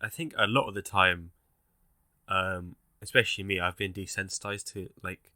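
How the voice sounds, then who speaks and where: A young man with a very low, bright, forceful voice co-hosts a podcast, talking in loose, rambling bursts. The sound is dry and close, with no room around it. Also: moderate pace, no echo. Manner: rambling, animated, swears casually. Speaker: podcast co-host. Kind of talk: casual chat.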